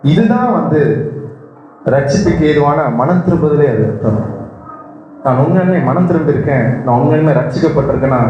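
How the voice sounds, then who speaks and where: A man preaching an earnest sermon, repeating words and swinging between high urgent pleas and low quiet passages. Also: highs cut off. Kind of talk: Tamil sermon. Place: church. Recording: very echoey church hall with faint noise.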